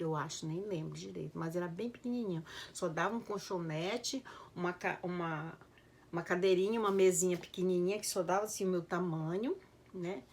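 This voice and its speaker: A woman's voice: lowish voice, husky. Emotional woman. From Belém, Brazil. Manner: emotional, animated, keeps addressing listeners as "gente". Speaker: storyteller recounting her life. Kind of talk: casual personal storytelling.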